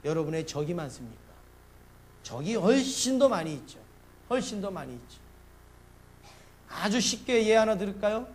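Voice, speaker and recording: A male pastor preaching a sermon, questioning the congregation and acting out a story with sudden swings between quiet and loud. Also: sits high, big pitch swings, moderate pace, long pauses. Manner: asks the congregation questions and acts out a story with big swings in loudness.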